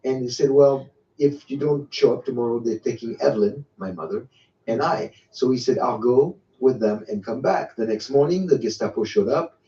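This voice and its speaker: A French-accented guest in his sixties from France shares personal testimony in an interview, speaking haltingly with frequent repetitions and restarts. His voice is mid-range and warm. The sound quality is dull lo-fi, echoey and distant.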